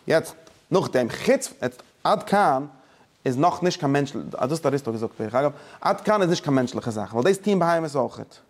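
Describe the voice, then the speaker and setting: A man's voice: fairly high pitch, animated, moderate pace. A man teaching a religious study lesson, explaining emphatically and often breaking off and restarting, mixing German with English words.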